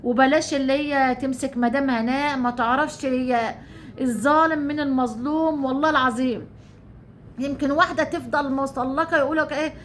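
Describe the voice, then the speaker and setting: Heated high-voiced Egyptian woman ranting. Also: steady tone, brisk, slight background noise. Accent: Egyptian Arabic. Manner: heated, repetitive, swears oaths often. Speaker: YouTuber. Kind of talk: ranting commentary.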